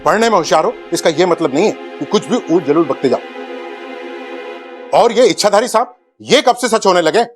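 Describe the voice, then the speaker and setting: Stern principal, sarcastic, high-pitched, soft music behind. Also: male voice, expressive, brisk, pauses often. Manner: scolding, sarcastic. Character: stern scolding male school principal. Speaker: school principal. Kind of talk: TV serial acting.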